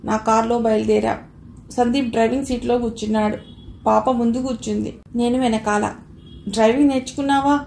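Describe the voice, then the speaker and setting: A woman reads a first-person story aloud in a measured, expressive voice, somewhat high and with a gravelly edge. The recording sounds roomy, with a faint hiss underneath. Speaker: audio novel reader.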